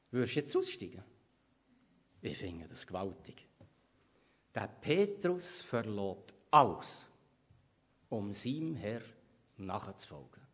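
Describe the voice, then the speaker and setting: A man with a Swiss accent preaching a sermon, swinging from loud to hushed and putting questions to the congregation. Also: mid-range voice, slightly rough.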